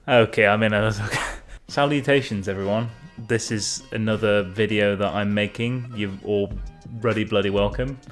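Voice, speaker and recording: A man's voice: on the low side, little pitch movement, measured pace, long pauses, fairly bright tone, faint music behind. A man chatting casually to camera as a fashion vlogger, self-mocking and sweary, often trailing off and restarting his sentences. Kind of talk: casual rambling chat to camera.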